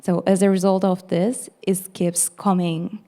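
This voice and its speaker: A young woman with a Turkish accent explains her project to an audience in a low, mellow voice. She talks earnestly and leans on "actually" as she walks through each step. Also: level tone, unhurried. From Turkey. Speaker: master's student presenter. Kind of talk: casual presentation.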